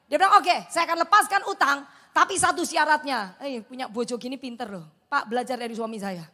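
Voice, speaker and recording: A middle-aged woman preacher, delivering a sermon with animated storytelling and acted-out dialogue. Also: sits high, brisk. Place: large church hall. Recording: long hall reverb.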